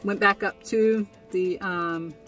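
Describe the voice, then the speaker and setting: A woman's voice: mid-range voice, steady tone, slow pace, a bit bright, far from the mic, faint music behind. A young woman recapping her day in a casual vlog from inside a tent, chatty and full of fillers. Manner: chatty, with frequent fillers and laughs. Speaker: vlogger. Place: inside a tent, small and indoors.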